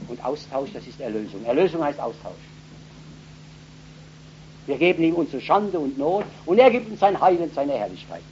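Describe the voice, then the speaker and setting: Fervent German preacher on a dull old recording. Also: male voice, fairly high pitch, big pitch swings, moderate pace, pauses often, a little hiss or hum. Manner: fervent, bursting into loud emphatic peaks; repeats words and phrases. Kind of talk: live revival sermon. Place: revival meeting in front of a congregation.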